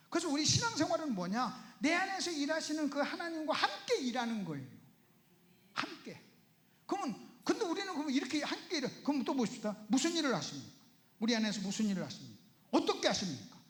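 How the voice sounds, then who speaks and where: A male pastor preaching at a Bible seminar in a church, often putting rhetorical questions to the audience. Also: very high-pitched. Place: church sanctuary. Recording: roomy church echo.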